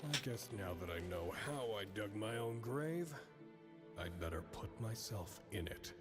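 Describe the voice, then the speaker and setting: A man's voice: fairly low pitch, animated, measured pace, over music. A man voicing a smug, sarcastic male hero who is a jaded future version of himself, in a comedy fan dub. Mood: sardonic. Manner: sarcastic, theatrical.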